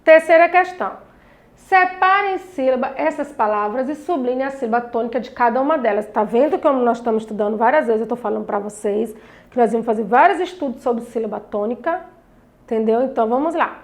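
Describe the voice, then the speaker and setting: High-voiced Brazilian woman teaching children. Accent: Brazilian Portuguese. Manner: patient, drawn-out syllables, coaxing questions to pupils. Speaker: primary school teacher. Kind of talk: recorded grammar lesson for children.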